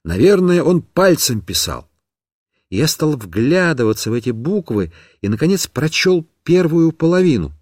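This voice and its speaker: Expressive male storyteller, lively delivery. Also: a little high, normal speed, no echo, clean studio sound. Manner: expressive, comic first-person narration. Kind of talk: storybook reading.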